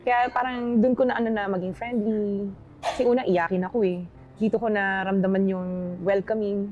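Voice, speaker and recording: A woman in her forties, answering questions as a television guest. She talks in a chatty, easy way and drops English phrases into her answers. Her voice sits at an ordinary middle pitch. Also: steady tone, moderate pace, a little mellow, dull audio. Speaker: interview guest. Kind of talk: casual conversational interview.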